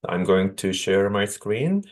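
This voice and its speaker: A man from South Korea, a native Korean speaker with a Korean accent, giving a measured conference keynote over a video call with small restarts. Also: deep voice, big pitch swings. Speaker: guest speaker, associate professor.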